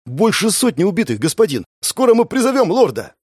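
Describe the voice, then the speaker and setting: Brief: male reader doing a high, stammering, grovelling cultist lackey for an audiobook. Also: sing-song, brisk, darkish tone, slightly rough, no room sound, clean studio sound, full character voice. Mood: frightened grovelling. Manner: stammering, grovelling, eager to please. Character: fawning young male demon cultist, frightened, servile.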